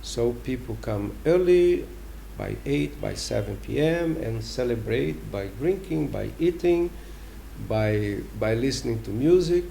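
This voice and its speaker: A man with a Brazilian accent answering interview questions as a diplomat, explaining deliberately and emphatically with pauses. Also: mid-range voice, expressive, gravelly, dark tone, a little hiss or hum. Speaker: ambassador giving an interview.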